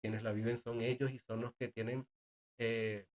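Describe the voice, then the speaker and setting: A sign language interpreter who teaches deaf students joins a casual conversation as a guest. He speaks earnestly with many hesitations and repeated words, in a mid-range, slightly mellow voice with flat delivery at a moderate pace.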